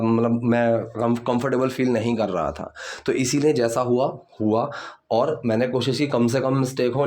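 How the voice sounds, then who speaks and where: A man's voice: medium pitch, a little mellow. Patient man teaching English grammar. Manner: patient, repeats "theek hai" often. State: sore hands from the gym. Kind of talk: grammar lesson explaining sentences.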